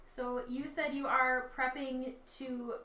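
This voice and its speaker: A woman's voice: high voice, level tone, slow. A woman narrating as dungeon master in a chatty way, often laughing and correcting herself. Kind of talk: narrating a tabletop game. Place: dining room table with players. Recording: echoey room, mic far off, faint noise.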